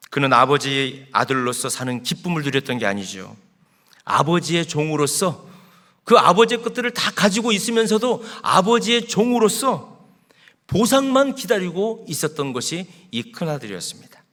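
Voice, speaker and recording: A man's voice: on the high side, a bit bright. A male pastor preaching a sermon, telling a story with rising and falling emphasis. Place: church sanctuary.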